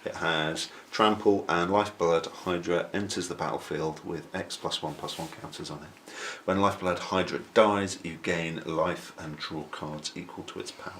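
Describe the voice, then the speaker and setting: A man with a deep, low voice runs through cards in a loose, jokey chat. A faint hiss of background noise sits under the recording. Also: steady tone, normal speed, few pauses, a bit bright. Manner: jokey, breaks into silly put-on voices. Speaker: card game reviewer. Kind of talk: casual chat.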